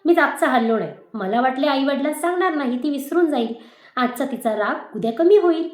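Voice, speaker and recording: A woman teacher telling a moral story aloud in a measured, expressive way. Her voice sits on the high side and carries through an echoey room. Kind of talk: storytelling reading.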